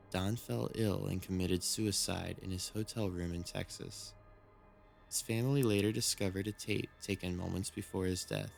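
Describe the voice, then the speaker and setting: A man reads scripted true-crime horror narration in a measured, solemn storytelling manner. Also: on the low side, vocal fry. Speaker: narrator of a creepy mystery series. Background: background music.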